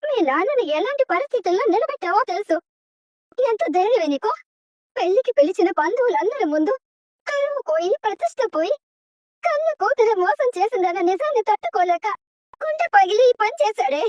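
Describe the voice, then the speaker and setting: An enraged TV-serial mother, loud and bitter, dry mix. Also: extremely high pitch, animated, fairly quick, dry recording, lo-fi sound. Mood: furious. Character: furious middle-aged mother disowning her daughter. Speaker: mother of the bride. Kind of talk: TV serial drama acting.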